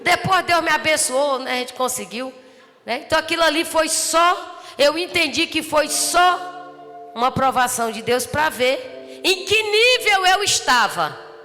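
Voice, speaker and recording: A woman pastor with a Brazilian accent preaches in a high, bright, ringing voice, telling her story with lively energy that swells into fervent shouts. Her sermon carries through a reverberant church hall with soft music underneath. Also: a little slow. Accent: Brazilian Portuguese. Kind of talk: testimony sermon. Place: church service.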